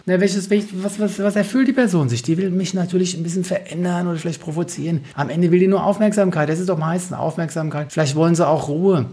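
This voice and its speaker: A man's voice: mid-range voice, gravelly, a little mellow. A man coaching on handling conflict, talking bluntly and colloquially, often tagging his points with a questioning "ne?". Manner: colloquial, blunt, with frequent "ne?" tags. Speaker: communication coach.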